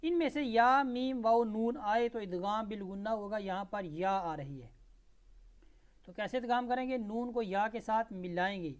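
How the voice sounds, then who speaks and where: A man teaching Tajweed, spelling out and reciting verses slowly syllable by syllable, then explaining the rules in brisk asides. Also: high voice. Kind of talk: Tajweed lesson with slow recitation.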